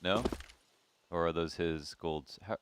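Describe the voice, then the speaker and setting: A man's voice: sits low, slow, fairly bright tone. A man chatting casually as a commentator on an esports broadcast. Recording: clear game gunfire and clicks behind. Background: video game gunfire.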